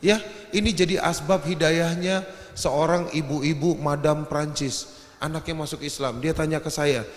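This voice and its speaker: A man telling stories to a gathering in a casual, lively way, acting out quotes and laughing along. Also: fairly high pitch, normal speed. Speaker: guest speaker. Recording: echoey hall.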